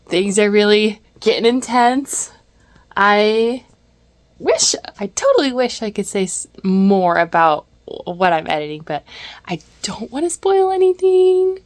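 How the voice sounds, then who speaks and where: A woman's voice: medium pitch, dry recording. A young woman chatting casually to camera in an upbeat vlog, filmed on a handheld phone. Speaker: author and vlogger. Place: outdoors on a lake island.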